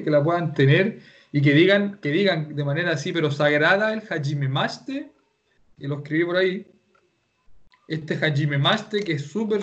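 A man's voice: a little high, highs cut off. A man from Chile with a Chilean accent, teaching an online language class and explaining at length with many restarts. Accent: Chilean Spanish.

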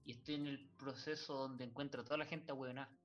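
A man's voice: mid-range voice, fairly even intonation, quick pace, muffled recording, soft background music. A young man with a Chilean accent chatting casually, rambling in crude slang and laughing often. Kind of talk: casual chat.

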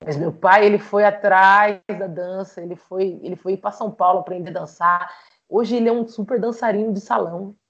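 A Brazilian woman shares her life story as a podcast guest, her voice carrying a gravelly fry. She tells it with animation, slipping into the voices of people she remembers and often restarting her sentences. The recording sounds somewhat dull and lo-fi. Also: mid-range voice, moderate pace. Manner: animated, acts out remembered dialogue with many restarts. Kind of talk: personal storytelling.

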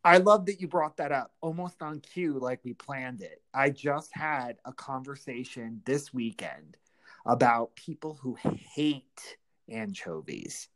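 Woman co-host, very expressive pitch, emphatic joking storyteller. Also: a little slow. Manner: animated storyteller, emphatic and jokey. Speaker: podcast co-host. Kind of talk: casual chat.

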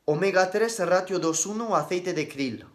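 A young male nutrition coach fields viewer questions during a live stream, answering briskly and matter-of-factly with some casual slang. His voice sits high, with lively intonation.

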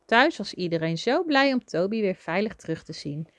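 A middle-aged woman reading a children's book aloud to her young son, with gentle, expressive storytelling. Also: mid-range voice, moderate pace, no room sound.

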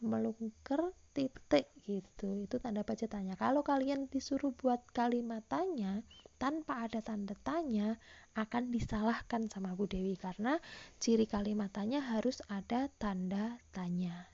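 A woman's voice: on the high side, normal speed, gravelly, warm tone, lo-fi sound. A woman teacher giving a recorded online lesson to primary school children, patiently explaining and reading example questions aloud.

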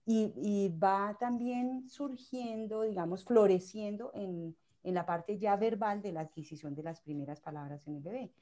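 Mellow-voiced woman host, measured and explanatory. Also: medium pitch. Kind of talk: casual expert discussion.

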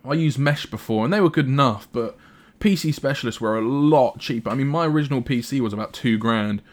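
A man's voice: medium pitch, brisk. A man in his middle register chatting casually as a podcast co-host. He is easygoing and often restarts his sentences as he goes. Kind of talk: casual chat.

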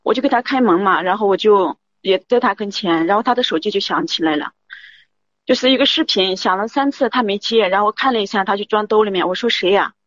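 A woman telling her story to a show host. She runs her words together quickly and talks in loops, repeating herself as she recounts each exchange. The audio is dry and muffled. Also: mid-range voice, no echo. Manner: rambling, keeps repeating "I said". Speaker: caller. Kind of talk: confiding call-in account.

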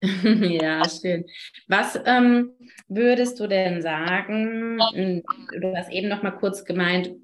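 A woman hosting an interview, speaking in a gentle, reflective and affirming way, often ending phrases with a questioning "ne?". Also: medium pitch, slow, slight background noise. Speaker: podcast host. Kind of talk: warm interview conversation.

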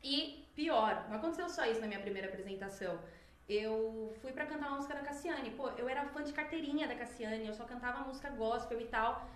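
A young adult woman, a singer guesting on a podcast, telling stories in a lively, animated way with quoted voices. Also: a little high, fast. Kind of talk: casual storytelling chat. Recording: roomy echo, faint noise.

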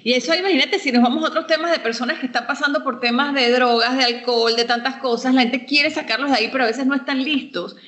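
A woman's voice: high voice, fairly even intonation, quick pace, hardly any pauses, fairly bright tone. A woman hosting a podcast in casual conversation. She agrees with her guest, sums up what was said and leads the wrap-up. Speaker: podcast host.

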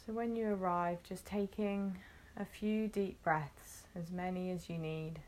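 A woman leads a guided meditation, speaking slowly in a lowish, fairly even voice with a little hiss or hum in the background. Her soothing instructions come in short phrases, gentle and unhurried, separated by long pauses.

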